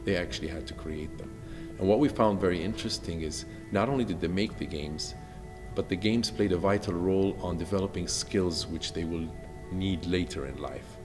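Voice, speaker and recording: A man from Egypt speaks with a very low voice, walking through his design project in a calm, explanatory way. The room adds a long reverb tail. Music plays clearly underneath him. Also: moderate pace. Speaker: architect. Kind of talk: documentary interview.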